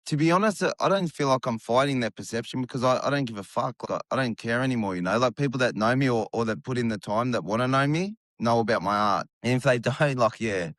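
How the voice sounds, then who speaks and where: A man's voice: mid-range voice, quick pace, hardly any pauses, a bit bright, no room sound, studio quality. Laid-back Australian man in his forties. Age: 40s. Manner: laid-back, plain-spoken, hesitant. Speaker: guest, artist. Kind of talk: casual interview chat.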